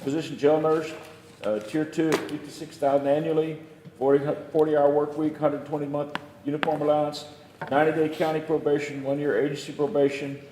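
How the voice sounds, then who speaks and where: A man's voice: on the high side, level tone, a little fast, warm tone. A man formally chairing a public meeting, reading agenda items in a procedural way. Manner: procedural, formulaic. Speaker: county judge chairing a meeting. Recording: echoey hall, long reverb, faint noise.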